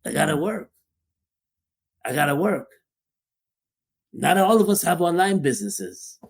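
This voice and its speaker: Lively intonation and vocal fry mark this man's fairly high, slightly rough voice as he speaks a little slowly. Co-hosting a podcast, he talks casually about relationships, voicing opinions and repeating phrases for emphasis. His family is from Guyana.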